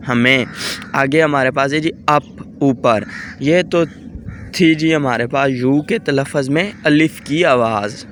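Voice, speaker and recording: A man's voice: medium pitch, a bit bright, a little hiss or hum. A man teaching English vowel sounds step by step, saying each word and then its meaning, with a polite filler word throughout. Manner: methodical, repeats each word then gives its meaning, adds "ji" often. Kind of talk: step-by-step vocabulary lesson.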